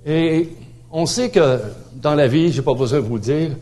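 A man's voice: a little high, moderate pace, warm tone. A middle-aged man with a Québécois accent preaching a sermon in a conversational way, with frequent filler tags and repeated words. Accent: Québécois French. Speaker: pastor.

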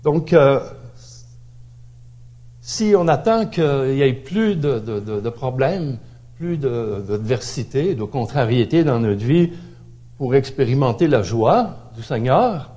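A middle-aged man with a Québécois accent preaches, his voice mellow and warm. He talks in a loose, conversational way, often repeating words and adding small tags. His pitch sits in an ordinary middle range. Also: animated, takes it slowly. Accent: Québécois French. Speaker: pastor. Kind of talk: sermon.

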